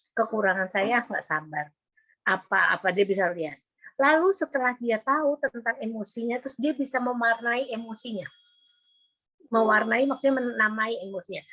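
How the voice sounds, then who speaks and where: An older woman speaks as a psychologist in a parenting webinar. She explains things patiently and fills her pauses with small hesitations. Her voice sits a little high, and the video call audio is dull and dry. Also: fairly bright tone, breathy edge, dry recording. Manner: patient explanatory lecturing with frequent fillers. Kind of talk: webinar talk.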